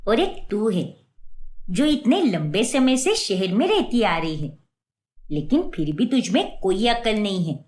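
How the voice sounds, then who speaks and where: A woman's voice: mid-range voice, big pitch swings, measured pace, darkish tone. A woman voicing a bossy, scolding mother-in-law. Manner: scornful, scolding. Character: scolding mother-in-law, middle-aged, sharp-tongued and bossy. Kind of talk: Hindi cartoon voice acting.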